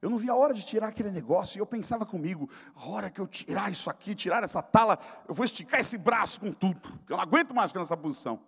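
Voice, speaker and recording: A man from Brazil, a pastor preaching a sermon, telling a story and then rising into shouted exhortation. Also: high voice, lively intonation, racing, few pauses, husky, big-room sound. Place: church sanctuary.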